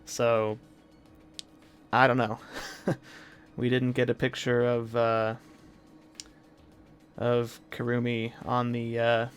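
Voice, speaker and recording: A man live-streaming a video game, talking casually with a scratchy, hoarse throat and a rambling manner full of fillers and restarts. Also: medium pitch, completely flat delivery, takes it slowly, pauses often.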